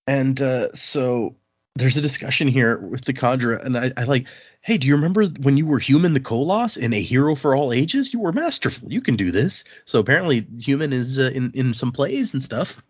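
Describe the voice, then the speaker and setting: Here a podcast host chats loosely about a novel, summarizing it and reading excerpts aloud. His husky, medium-pitched voice has lively intonation and a fairly quick pace, captured in a dry, dull-sounding recording.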